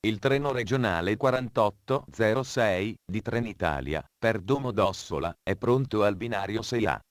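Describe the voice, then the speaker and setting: A man delivers train station announcements in a formal, measured manner. His voice sits low. The recording is dry, with no room sound. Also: lively intonation, dry recording.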